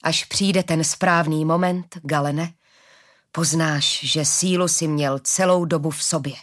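A woman voicing a calm old male mentor who speaks slowly and gravely. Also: natural voice. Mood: solemn. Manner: slow, low and measured.

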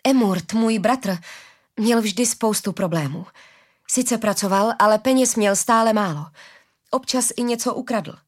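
Calm, determined heroine telling her past, voiced by a woman reader. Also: mid-range voice, lightly acted.

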